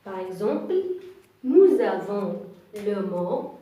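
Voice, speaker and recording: A woman teacher giving a reading lesson to young children, patiently repeating each syllable slowly and clearly. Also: mid-range voice, expressive, dark tone. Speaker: kindergarten teacher. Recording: echoey room, voice from far off, faint music.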